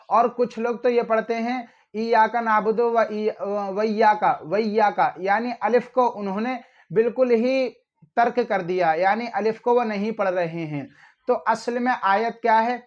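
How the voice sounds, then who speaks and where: Man teaching prayer recitation, lo-fi. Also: high-pitched. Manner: slow drawn-out recitation when demonstrating. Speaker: religious teacher. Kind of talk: instructional religious talk.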